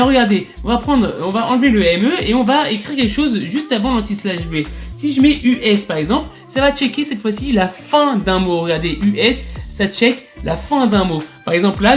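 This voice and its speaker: Homme qui explique un tutoriel de code. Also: male voice, high-pitched. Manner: chatty, repeatedly urging viewers to look, spelling out letters. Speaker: coding tutorial host. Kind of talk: screen-recorded tutorial explanation.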